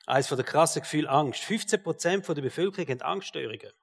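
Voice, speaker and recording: A man with a Swiss German accent preaching a sermon, moving from loud rhetorical questions to quiet, low asides. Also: lively intonation, quick pace, gravelly, in a large hall.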